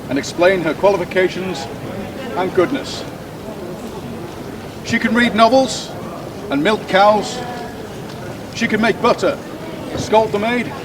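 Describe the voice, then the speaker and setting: A man playing an aggrieved nineteenth-century husband auctioning his wife, in pompous, declamatory street theatre. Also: sits high. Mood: salesmanlike. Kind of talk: theatrical public oration in street performance. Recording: distant outdoor voice, crowd and traffic noise.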